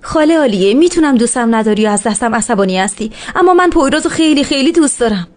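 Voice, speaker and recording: A woman's voice: a little high, lively intonation, darkish tone, lightly acted. A woman dubbing an earnest young woman who pleads and tries to please. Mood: pleading. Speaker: dubbing actor. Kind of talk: dubbed TV drama.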